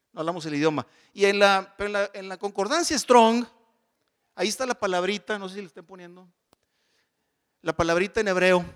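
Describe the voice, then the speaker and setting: Guy with a pretty high voice teaching bible study, slow and patient, keeps asking if everyone's following. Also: a bit bright, smooth. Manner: explains patiently, often checking in with the audience.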